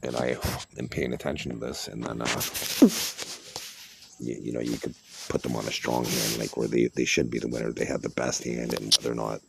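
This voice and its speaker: A man's voice: extremely low pitch, flat delivery, brisk, creaky. A man giving casual, rambling commentary while he plays online poker, often restarting and repeating himself. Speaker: online poker player and streamer. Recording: loud background noise and clicks.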